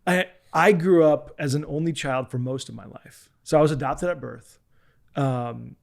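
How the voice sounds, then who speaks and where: Earnest pastor, man in his forties, gravelly voice, podcast guest telling family stories. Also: on the high side, normal speed. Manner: earnest storyteller, frequent restarts and soft asides. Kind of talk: casual interview chat.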